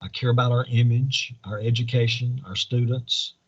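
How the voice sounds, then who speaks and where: A man's voice: medium pitch, fairly even intonation, moderate pace, breathy edge, highs cut off. A man answering as a political candidate in an interview, earnest and preacherly, building points in repeated parallel phrases. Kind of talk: campaign interview answers in speech-like statements.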